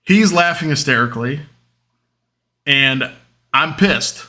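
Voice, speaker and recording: A man hosting a podcast, telling casual stories in a rambling way, full of fillers, getting loud and animated when he retells arguments. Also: fairly high pitch, slow. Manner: rambling, with many fillers like "um" and "whatever". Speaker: podcast host. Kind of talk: casual storytelling monologue.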